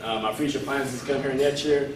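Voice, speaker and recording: A man's voice: medium pitch, steady tone, a little fast. Earnest young male player, self-intro, distant roomy mic. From Warren County. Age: young adult. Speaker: college basketball player. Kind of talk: short self-introduction to camera. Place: gym hallway, indoors. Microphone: far camera mic. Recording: echoey hallway from far off, noisy.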